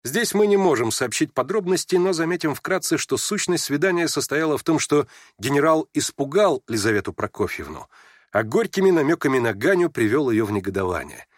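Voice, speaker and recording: A man reading a classic novel aloud as an audiobook narrator, in a measured, even storytelling manner. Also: a little high, no room sound, studio quality.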